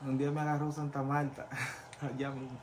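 Un hombre con acento dominicano, invitado en una entrevista, cuenta su historia de forma animada e imita las voces de otros. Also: male voice, mid-range voice, normal speed. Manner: animated, acts out voices of others when retelling. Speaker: interview guest, former pastor turned vodou priest. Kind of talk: casual storytelling interview. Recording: noisy background.

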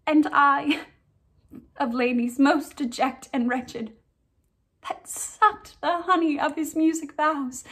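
Woman acting a high-voiced, sorrowful tragic heroine. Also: a bit bright. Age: young adult. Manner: tragic, sorrowful, anguished delivery. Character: young noblewoman, tragic heroine grieving in sorrow. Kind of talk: classical theatre monologue. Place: indoors, plain backdrop.

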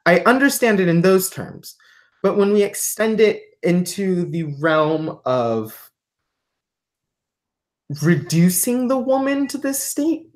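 A woman appearing as a guest on a livestream conversation, an artist and philosophy tutor, thoughtfully explains ideas with lots of fillers and restarts. Her voice is medium in pitch, expressive, and slow.

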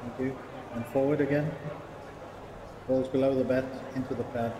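A man acting as TV umpire, calmly giving procedural instructions to the director over the officials' feed. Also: mid-range voice, normal speed, reverberant, background noise. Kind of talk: match officials' radio talk.

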